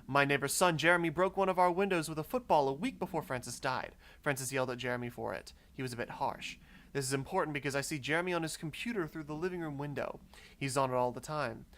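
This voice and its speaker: A man's voice: on the high side, quick pace, fairly bright tone. A man reading out a grieving widow's letter in a silly put-on voice. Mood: earnest pleading.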